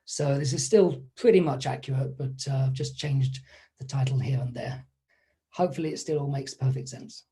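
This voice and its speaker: Dark-voiced man giving a casual online talk. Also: a little high, breathy edge. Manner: relaxed, conversational, with frequent fillers. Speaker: conference speaker. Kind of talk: online conference presentation. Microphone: video call.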